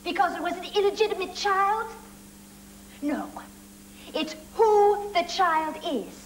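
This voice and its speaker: A woman's voice: very high-pitched, lively intonation, slow pace, slight background noise, full character voice, rough recording. An actress playing a bitter young model who cuttingly accuses the older women around her in a 1980s TV drama. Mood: contemptuous. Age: young adult. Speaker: actress in a TV miniseries.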